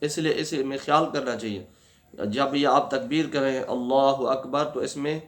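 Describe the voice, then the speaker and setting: A man teaching a religious lesson on prayer rules, often asking and answering his own questions and slowly drawing out words to show their pronunciation. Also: mid-range voice, fairly even intonation.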